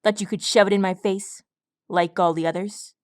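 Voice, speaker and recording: A woman's voice: mid-range voice, fairly even intonation, moderate pace, no echo, close to an everyday voice. A bearded bully of a stallion sneers and taunts his way through every line, as a woman reader puts him on. The storybook voice is mean and mocking, recorded close and dry with no room around it. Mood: sneering menace.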